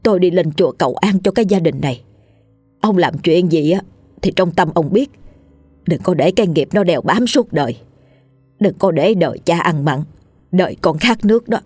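A woman's voice: on the low side, expressive, moderate pace, pauses often, darkish tone, husky, no room sound, faint music behind. A woman voicing a devout middle-aged wife, scolding and wailing her complaints.

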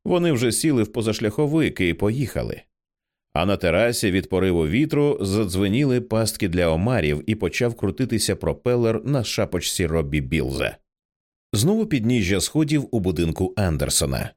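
Expressive man reading an audiobook. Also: on the low side, moderate pace. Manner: expressive, acts out each character. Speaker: audiobook reader. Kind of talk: dramatic audiobook narration.

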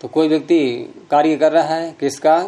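A man's voice: a little high, flat delivery, normal speed, dark tone. A man teaching Sanskrit grammar, patiently explaining rules step by step with examples and repeating key terms.

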